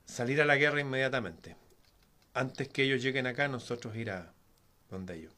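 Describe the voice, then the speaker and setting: A man voicing grave royal advisers who report trouble in a hushed, lower voice. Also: moderate pace, natural voice.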